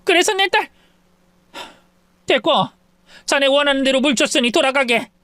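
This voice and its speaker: A man's voice: extremely high pitch, expressive, quick pace, fairly bright tone, clear, resonant tone, no room sound, clean studio sound, voice pushed up. A man voicing an angry middle-aged mother-in-law who scolds and demands sharply. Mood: furious scolding.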